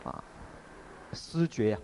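A man's voice: slow, mellow, a little hiss or hum, close to an everyday voice. A man voicing a wise old meditation master admonishing his disciple. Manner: admonishing, instructive.

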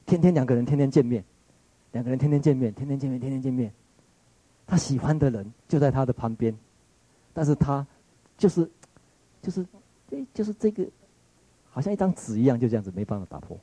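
A man's voice: mid-range voice, expressive, a little fast, pauses often, dark tone, breathy edge, no echo, low-quality recording. A man with a Taiwanese Mandarin accent giving a reflective lecture, retelling a story in a musing way, often searching for words and restarting.

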